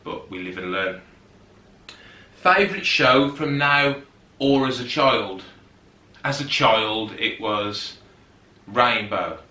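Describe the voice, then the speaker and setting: With a mid-range, expressive voice and a sharp tone, the man speaks slowly and pauses often, in a roomy sound recorded from a distance. He's a fitness YouTuber in his 30s, sitting on his settee at home, chatting to camera and wandering off on tangents.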